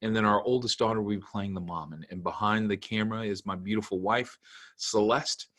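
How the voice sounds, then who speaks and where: A man's voice: on the low side, fairly quick, a bit bright. Man reading a children's storybook aloud. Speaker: camp executive director reading to children.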